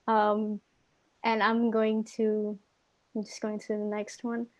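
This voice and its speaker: A young Indonesian woman, a guest English speaking tutor with an Indonesian accent, gives casual tips in a live online English class, full of fillers, restarts and self-corrections. Her mid-range voice is monotone, slow and a little mellow. The recording quality is low.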